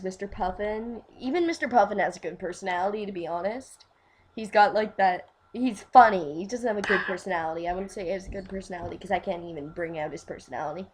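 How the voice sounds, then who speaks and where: A woman's voice: mid-range voice, slight background noise. Rambling, gushing woman fan chatting. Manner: rambling and gushing, many fillers, swings from quiet to loud. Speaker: fan vlogger. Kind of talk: casual fan chat.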